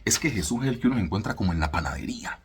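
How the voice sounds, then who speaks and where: A man with a Colombian accent giving a casual sermon teaching as a church leader, colloquial and laid-back, slowing down to stress his points. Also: lowish voice, expressive, a little hiss or hum. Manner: laid-back, colloquial, mimics voices, slows for emphasis.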